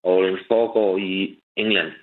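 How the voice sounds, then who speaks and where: A man's voice: sits low, level tone. A man calling in to a radio show, rambling and joking and laughing at his own ideas. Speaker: caller. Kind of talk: casual radio chat. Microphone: phone. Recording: tinny phone line.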